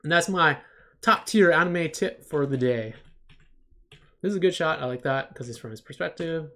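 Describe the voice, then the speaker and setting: A man's voice: on the high side, expressive, normal speed, bright, forceful tone. A man giving a casual livestream critique of storyboards, talking in an enthusiastic, rambling way full of "like". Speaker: storyboard artist reviewing viewer work.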